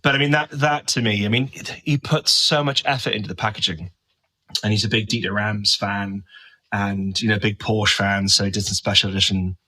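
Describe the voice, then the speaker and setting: Bright-voiced enthusiastic guest. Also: male voice, fairly low pitch, steady tone, a little fast, rough recording. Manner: enthusiastic, gushing about products. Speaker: guest, brand creative officer. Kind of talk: casual interview chat.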